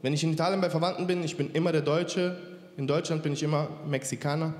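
A man's voice: a little high, fairly even intonation, fast, darkish tone. Cocky stand-up man in a big hall. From Germany. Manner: cocky, teasing crowd work. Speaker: stand-up comedian. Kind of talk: stand-up comedy. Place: large indoor stage with audience. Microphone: handheld mic. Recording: roomy hall with long reverb, faint ambience.

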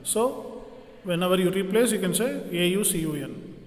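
High-pitched man teaching in echo. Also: animated, normal speed, darkish tone. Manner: instructional, explaining step by step. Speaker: French teacher. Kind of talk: classroom grammar lesson. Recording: echoey room with long reverb.

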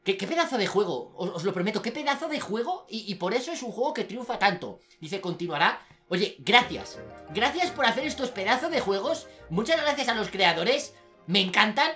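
A young man with a Spain Spanish accent doing excitable let's-play commentary as a gaming YouTuber, often breaking into shouted exclamations. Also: high-pitched, moderate pace, faint music behind.

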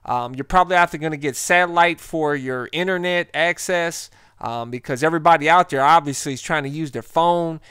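Clear-voiced American man, higher pitched, vlogging. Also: fairly quick, hardly any pauses, a bit bright, dry recording, studio quality. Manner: blunt, informal, addressing viewers as guys. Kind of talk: casual vlog monologue.

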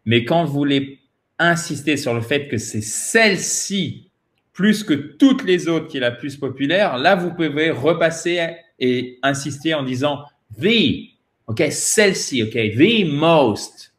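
A man's voice: on the high side, expressive, fairly bright tone. A man teaching English pronunciation in French, drilling each model word several times and checking in with "ok?". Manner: slow, repeats model words many times; often ends points with a checking "ok?". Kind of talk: French-language pronunciation lesson.

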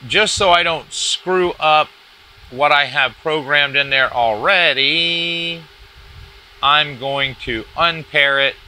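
Male reviewer, slightly high and very bright, forward voice, informal gadget demo with a halting delivery. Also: poor audio. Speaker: radio product reviewer. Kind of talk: casual hands-on gadget demonstration. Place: indoors at a cluttered wooden desk.

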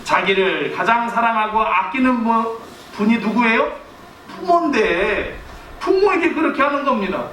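A man in his forties, a pastor preaching a sermon who is lively and animated, quizzes the congregation and acts out family members' lines. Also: very high voice, normal speed. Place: church sanctuary. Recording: echoey church hall, distant mic, faint background hiss.

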